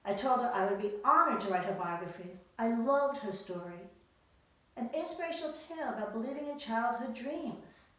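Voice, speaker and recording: A woman author presents her own book to young readers in an emphatic storytelling talk, posing rhetorical questions. Her voice is a little high and animated, at a moderate pace, and she sounds distant from the mic in a very echoey room.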